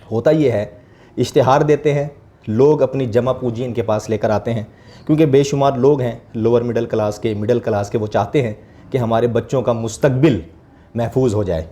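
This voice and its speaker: A man's voice: medium pitch, a little fast, mellow. A man, presenting an earnest, emphatic investigative report and questioning a guest as host.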